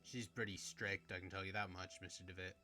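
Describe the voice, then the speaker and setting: A man voicing a cautious, gossipy asylum worker in a put-on Scottish accent, speaking slowly in a lowered voice. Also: little pitch movement, sharp tone, faint music behind. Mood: confiding.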